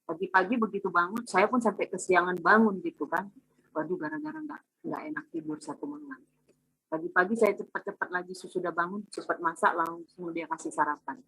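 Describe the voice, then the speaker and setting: A woman recounts a family episode in casual, animated speech, slipping into the voices of her children. Her tone is slightly husky. The sound is dry and close, as on a video call. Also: on the low side, a little fast, no room sound, rough recording. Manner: animated, acts out family dialogue. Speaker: testimonial speaker. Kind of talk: casual storytelling testimony.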